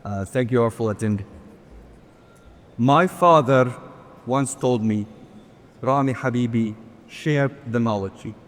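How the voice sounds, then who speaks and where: Slow and pausing often, a mid-range male voice gives an earnest conference talk with light touches of humor, calling for the next slides. The big hall lends a long, echoing reverb.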